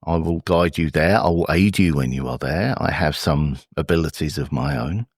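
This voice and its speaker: A man's voice: rumbling low, moderate pace, dry recording, clean studio sound, voice pushed down. A man voicing an alluring, mysterious woman with a persuasive proposition, in a tabletop role-play. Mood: scheming.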